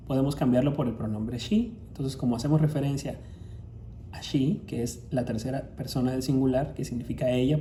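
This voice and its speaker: A man with a Latin American Spanish accent teaches a recorded grammar lesson, walking through each rule patiently. His voice is very dark and mellow. Faint room hum sits behind him. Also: mid-range voice. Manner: patient, explains step by step, reads English examples slowly. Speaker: English teacher.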